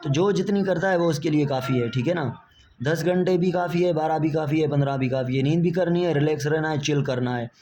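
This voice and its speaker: A man's voice: on the high side, a little fast, mellow, slight background noise. A man, a biology teacher giving friendly, reassuring exam-prep advice and mixing in English words.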